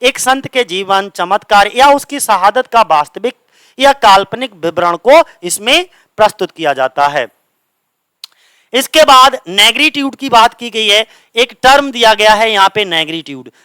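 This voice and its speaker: Male exam tutor, bright crisp delivery, reads English slowly, drills answers by repetition. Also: high-pitched, expressive, no echo. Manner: explains in Hindi, mixes English terms, repeats answers back as questions. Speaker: English literature exam coaching teacher. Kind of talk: lecture going through exam questions. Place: coaching classroom.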